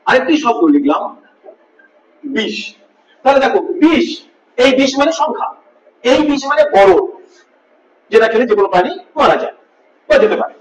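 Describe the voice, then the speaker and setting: A man teaching grammar in a classroom style, repeating sample words slowly and quizzing his listeners. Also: very high voice, expressive, distant mic. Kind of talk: classroom-style lesson with board writing. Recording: echoey room miked from afar, faint hiss.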